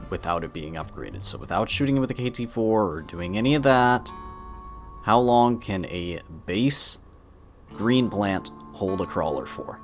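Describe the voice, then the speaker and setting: A man's voice: low voice, fairly bright tone. A man hosting a gaming channel, talking casually and in a rambling way, with fillers and restarts as he explains. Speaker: channel host.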